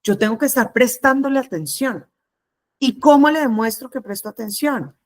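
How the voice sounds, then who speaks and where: A middle-aged woman lectures trainee conciliators, explaining things in a measured way and going through her points one at a time. Her voice sits a little high.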